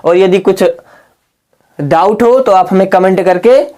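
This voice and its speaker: A man teaching English reading rules in a lesson video. He asks his students rhetorical questions and spells words out slowly, letter by letter. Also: high-pitched, dark tone. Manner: keeps asking the class rhetorical questions.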